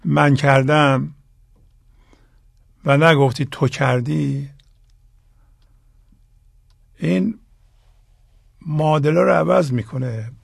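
A man hosting the show, speaking to listeners in a slow, deliberate way and stressing key phrases. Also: fairly high pitch, gravelly, breathy edge, dry recording, clean studio sound. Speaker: host. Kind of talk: reflective talk to listeners.

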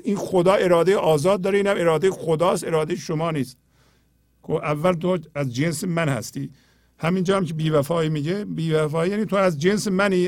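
High-voiced man teaching spiritual poetry. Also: no room sound, studio quality. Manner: earnest, explanatory, often drops to a low quiet tone. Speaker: host explaining poetry.

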